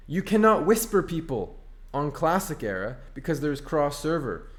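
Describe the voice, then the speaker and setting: A man's voice: fairly high pitch, very animated, normal speed, a bit bright. A man giving casual gameplay commentary as a streamer, ranting in an exasperated, sarcastic way. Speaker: online game streamer.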